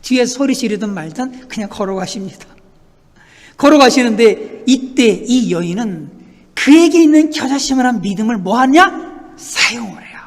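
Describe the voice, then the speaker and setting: A male pastor preaching an animated sermon, asking rhetorical questions and acting out scenes in a church sanctuary. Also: very high-pitched, moderate pace, in a large hall.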